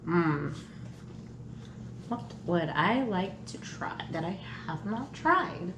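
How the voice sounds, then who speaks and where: A woman co-hosting a casual question game, chatty and thinking aloud with frequent pauses. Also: fairly low pitch, sing-song, fairly bright tone. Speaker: channel co-host answering questions. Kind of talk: casual chat. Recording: echoey room with faint noise.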